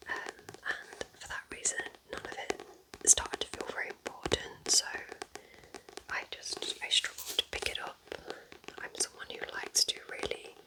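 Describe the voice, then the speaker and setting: In a breathy, unvoiced whisper, an ASMR host recommends books, soft, unhurried and gently enthusiastic. The recording quality is low.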